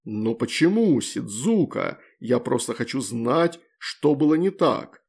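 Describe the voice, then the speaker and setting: A jilted demon lord from an audiobook, proud and drunk, dragging out his words and swinging between pleading and shouting, as a male narrator plays him. The voice has a gravelly, creaky edge. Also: medium pitch, expressive, full character voice. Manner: slow, loud, accusing and pleading.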